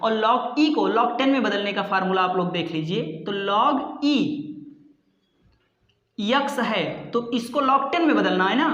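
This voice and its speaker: A chemistry teacher working through a derivation on the board, step by step, asking questions and answering them himself. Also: male voice, high-pitched, expressive, unhurried, a bit bright. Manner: step-by-step, asks and answers his own questions. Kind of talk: blackboard lesson. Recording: echoey, dull room sound.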